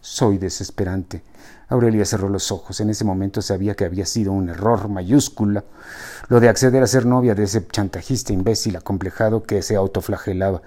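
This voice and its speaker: A man reading a novel aloud as narrator, in an expressive, wry storytelling manner. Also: lowish voice, brisk.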